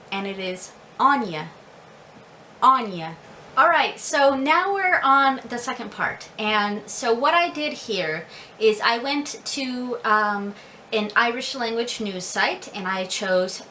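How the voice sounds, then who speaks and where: American mom, bright and slow, teaching from her own learning, faint hiss behind. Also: fairly high pitch, poor audio. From United States. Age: adult with several children. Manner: laughs often, slow and careful, repeats words. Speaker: Irish language learner. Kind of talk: casual video lesson.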